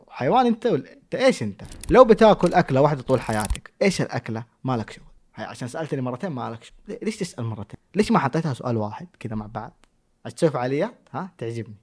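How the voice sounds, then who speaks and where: A man with a Hejazi Saudi accent, a content creator answering follower questions in playful, teasing chat. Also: mid-range voice. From Saudi Arabia, Jazan. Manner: playful, teasing, jumps between loud bursts and mutters. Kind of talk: casual chat.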